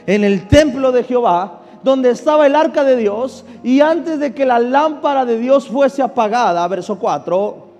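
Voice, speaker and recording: Male pastor, very high voice, sermon, asks and answers questions, calls for congregational response, long hall reverb. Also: lively intonation, unhurried, darkish tone. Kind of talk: sermon reading and explaining scripture. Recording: long reverb with faint music behind.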